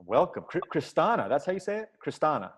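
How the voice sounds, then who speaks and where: Lively upbeat man hosting a call. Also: on the high side, quick pace, husky. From Washington, D.C. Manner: upbeat, calls on people by name. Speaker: roundtable host, tech coordinator. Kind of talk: casual video-call introductions. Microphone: video call.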